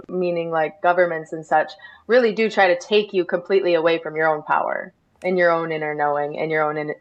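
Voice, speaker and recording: A woman's voice: fairly low pitch, rough recording. A woman podcast host in casual interview chat, talking freely with lots of "you know" and "like". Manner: chatty, many fillers like "you know".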